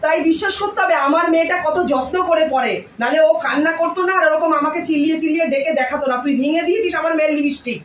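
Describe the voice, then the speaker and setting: A woman plays a stepmother who nags and scolds in a high, shrill voice, fast and sharp-tongued. The voice comes from a distance in a roomy, echoing space with faint background noise. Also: natural voice. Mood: angry scolding. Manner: shrill, nagging, shouting insults. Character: harsh scolding stepmother, middle-aged woman. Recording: roomy room, mic far off, faint noise.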